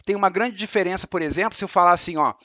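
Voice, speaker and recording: A man with a Brazilian Portuguese accent giving a spiritual lecture, explaining calmly and repeating his points with examples. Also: sits high, racing, no room sound, lo-fi sound. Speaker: religious lecturer.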